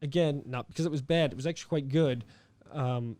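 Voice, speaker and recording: A young man co-hosting a podcast chats casually, rambling with lots of fillers and restarts. His voice is medium-pitched, brisk and mellow, with no echo.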